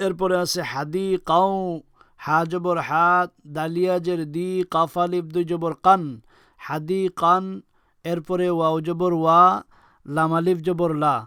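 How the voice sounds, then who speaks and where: A man teaching Quran reading, spelling out letters and vowel marks slowly and then blending them into whole words. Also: a little high, little pitch movement, pushed and bright, clear, resonant tone, no room sound, clean studio sound. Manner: slow, drawn-out recitation of syllables, then blends them into words.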